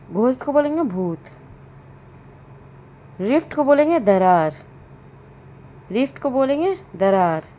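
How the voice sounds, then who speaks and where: A woman teaching English vocabulary, saying each word and its meaning twice in a slow, deliberate drill. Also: on the high side, warm tone.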